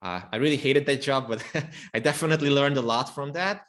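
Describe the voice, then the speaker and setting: A man's voice: medium pitch, a little fast, a bit bright. Hungarian-speaking copywriter man, thoughtful. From Romania. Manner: thoughtful, restarts often. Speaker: guest copywriter. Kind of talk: podcast interview.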